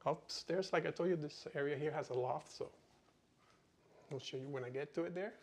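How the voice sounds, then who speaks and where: A man's voice: a little high, normal speed. A man working as a real estate agent, giving a casual walk-through home tour with informal sales patter, often tagging his phrases with "okay". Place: indoors, walking through an empty new house. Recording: echoey empty-house reverb.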